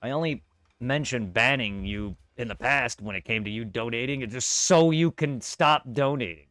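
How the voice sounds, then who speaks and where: Speaking at normal speed in a mid-range voice that is usually very quiet, this male streamer chats unscripted with his viewers. He repeats himself, puts things bluntly, and occasionally curses, all with no echo.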